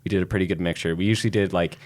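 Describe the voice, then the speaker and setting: A man's voice: deep voice, fairly even intonation, racing, darkish tone. A man hosting a casual podcast, telling stories in a chatty way with lots of fillers. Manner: chatty storyteller, frequent fillers like "anywho". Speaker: podcast host.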